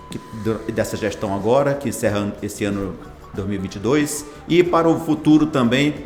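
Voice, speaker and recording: A man in his sixties who directs a hospital foundation answers interview questions formally and ceremoniously, stringing together long lists of phrases. His voice is medium-pitched, and the room is echoey.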